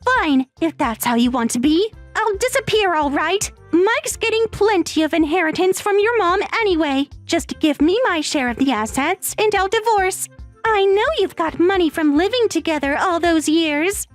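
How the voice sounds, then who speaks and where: High-pitched desperate young wife voiced by a woman, entitled, faint music behind. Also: animated, moderate pace. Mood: bitter. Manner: shrill and pleading. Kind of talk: dramatized text story.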